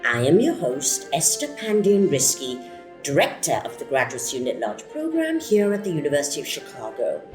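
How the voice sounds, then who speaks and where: Woman, podcast host, scripted intro, enthusiastic, animated pitch, roomy sound. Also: moderate pace, music in the background. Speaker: host, program director.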